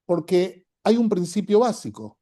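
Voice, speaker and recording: A man's voice: sits high, big pitch swings, unhurried, warm tone. A man with a Rioplatense Spanish accent teaching a class as a rabbi. He talks in a conversational way, often checks in with "¿sí?", and acts out the inner voices he describes.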